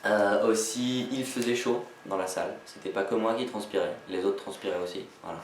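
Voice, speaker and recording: A man talking casually to viewers in a vlog, rambling, halting and self-deprecating. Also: lowish voice, fairly even intonation. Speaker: amateur sketch writer introducing own video. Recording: echoey, slightly noisy, distant microphone.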